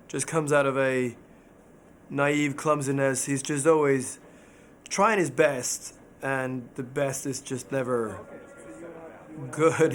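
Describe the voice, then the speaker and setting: A mid-pitched man talks fondly and explains a character at a junket. Faint background noise is present. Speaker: actor interviewed about a film. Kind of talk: press junket interview.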